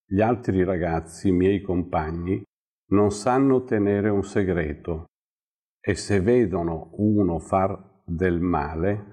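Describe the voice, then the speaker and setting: A man's voice: low voice, mellow, breathy edge, exaggerated voice. A man voicing a proud, stubborn village boy who boasts and defies, in a storybook reading. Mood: defiant. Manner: boastful, defiant.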